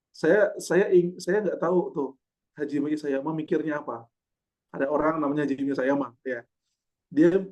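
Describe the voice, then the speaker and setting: A man in his twenties, a guest speaker giving a lively, joking talk in casual colloquial speech. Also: on the high side, highs cut off. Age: 20s. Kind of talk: casual religious talk to an online audience.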